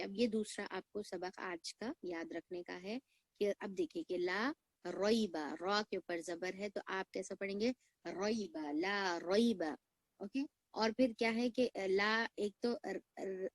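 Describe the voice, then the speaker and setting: A woman teaching recitation to beginners, patiently repeating words slowly for learners to copy. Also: mid-range voice, dry recording. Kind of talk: recitation lesson.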